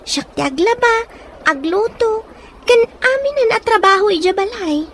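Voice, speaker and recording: Playing a resilient, impoverished young orphan in audio drama dialogue, this woman uses a very high voice with lively intonation and a measured pace. She sounds caring and plain-spoken, carries a northern Philippine accent, and the mood is sorrowful, with faint noise in the background.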